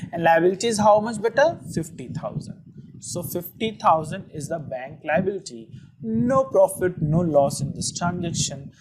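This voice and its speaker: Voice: medium pitch, poor audio. A teacher with a North Indian accent explaining a lesson step by step, posing questions and answering them, often repeating phrases. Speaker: accounting teacher.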